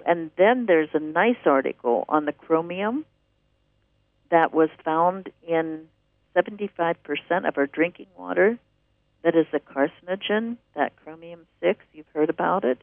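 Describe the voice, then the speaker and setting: A man's voice: a little high, no echo. A man hosting a radio show, chatting enthusiastically and rambling as he plugs classes and articles. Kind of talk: casual promotional radio talk. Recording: narrow dry phone-like radio audio.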